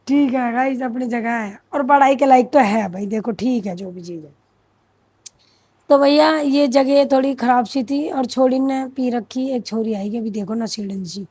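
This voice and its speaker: A woman's voice: on the high side, unhurried, warm tone, husky, no echo. A young woman, chatting and joking with viewers in a vlog. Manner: teasing, joking running commentary. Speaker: vlogger. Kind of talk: casual vlog chat with viewers.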